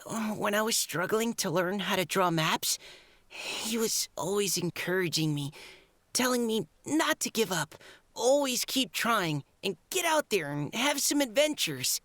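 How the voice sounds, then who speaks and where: A woman voicing an earnest, excitable young mapmaker in a video game, stumbling over words when flustered. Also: medium pitch, unhurried, no room sound.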